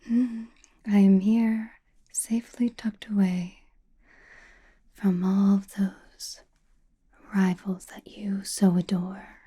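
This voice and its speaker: For an ASMR roleplay, a woman plays an enigmatic chaos-magic sorceress, whispering at medium pitch in a very dark, soft tone. Slow, deliberate, breathy, and cryptic, she seems to confide in a single listener, her mood wry and guarded.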